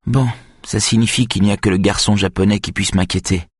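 Male reader playing an anxious young female violinist, higher and strained, audiobook. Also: steady tone, breathy edge, dry recording, studio quality. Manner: higher, tense, quick-tempered.

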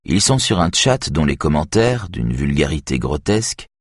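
A man reading an audiobook novel as narrator, in even, measured storytelling. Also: rumbling low, slightly rough, no echo, clean studio sound. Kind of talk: scripted narration.

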